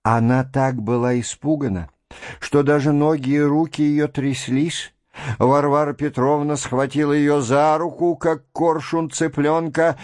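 Slow-reading male narrator. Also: a little high, no room sound, clean studio sound. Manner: measured, even literary reading. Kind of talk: scripted audiobook narration.

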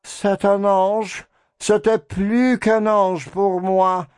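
Scared old gent babbling, voice up high and slow, a man reading it, dry sound. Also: level tone, a little mellow, smooth, dry recording. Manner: babbling, faltering, pleading. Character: frightened old gentleman, babbling and tearful. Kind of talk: audiobook reading.

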